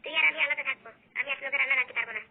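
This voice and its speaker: Woman playing mouthy young wife, high and super fast, tinny phone audio. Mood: mocking quarrel. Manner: mocking, quarrelsome. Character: sharp-tongued young wife, mocking and defiant. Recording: phone-like narrow sound.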